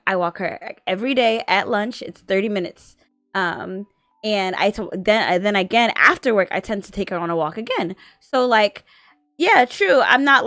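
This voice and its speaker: A woman's voice: on the high side, a bit bright, dry recording, clean studio sound. A woman in her twenties chatting casually on a stream, rambling and full of filler words, sometimes sleepy. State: sleepy, yawning. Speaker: guest on husband's art stream. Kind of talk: casual chat.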